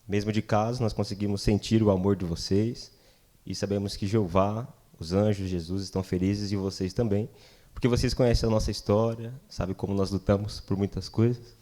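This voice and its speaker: A man's voice: lowish voice, mellow. A man with a Brazilian Portuguese accent, a groom giving an earnest, devout thank-you speech. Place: wedding reception.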